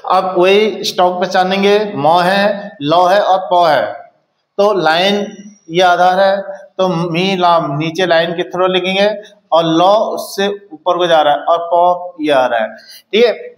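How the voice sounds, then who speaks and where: A man teaching a shorthand lesson in speech, explaining step by step and often pausing to check understanding. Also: high-pitched, echoey room. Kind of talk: classroom lesson.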